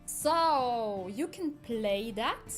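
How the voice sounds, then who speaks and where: A streamer's male voice, run through a voice changer so he sounds female, comes out very high with lively intonation, extremely slow and exaggerated. He plays a teasing, sarcastic AI avatar chatting casually with viewers in a chatty mood, with faint game soundtrack music in the background.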